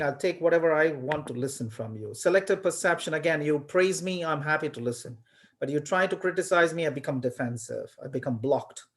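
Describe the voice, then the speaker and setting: A man from India, a college lecturer giving an online class on a video call, talking with emphasis and many fillers and repeated words. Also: fairly high pitch. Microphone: webcam on video call.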